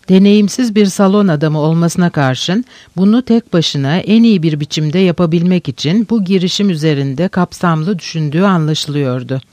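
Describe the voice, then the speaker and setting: A man reads a novel aloud in slow, measured narration. His voice sits high, and the recording is close and dry with no room sound. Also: a little mellow, dry recording. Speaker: audiobook narrator.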